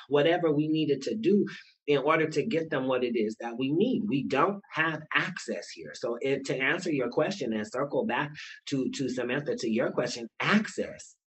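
A man's voice: medium pitch, slightly rough, rough recording. A man who runs a nonprofit and is running for school board, speaking earnestly and building to emphatic points in a casual panel chat beside a fireplace. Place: indoor room beside a fireplace.

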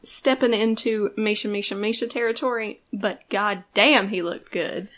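A woman co-hosts a fan podcast in a casual, dry, easygoing manner. Her voice is bright and crisp, and she keeps her replies short. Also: medium pitch, normal speed. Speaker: podcast co-host.

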